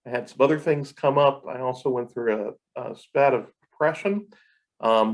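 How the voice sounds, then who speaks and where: A man's voice: medium pitch, poor audio. A man speaking casually in a vlog from his apartment, rambling with frequent ums and restarts. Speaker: vlogger.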